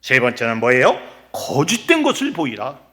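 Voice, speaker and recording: Animated, bright-voiced Korean pastor preaching. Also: male voice, medium pitch, normal speed. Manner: emphatic, swinging between loud exclamations and quiet asides; acts out quoted voices and asks rhetorical questions. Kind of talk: sermon. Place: church sanctuary.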